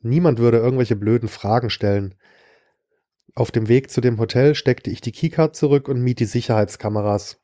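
A man reads a short story aloud in the first person with a dry, sardonic edge. His voice sits in a medium register and sounds dark and mellow. The recording is close and dry, with no room sound. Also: mid-range voice, moderate pace, no echo. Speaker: narrator. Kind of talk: scripted narration of a short story.

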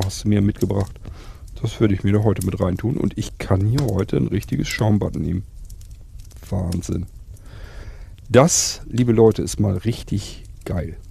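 A man's voice: fairly low pitch, creaky, warm tone, slight background noise. A man chatting enthusiastically in a rambling way, with many fillers, in an in-character survival role-play.

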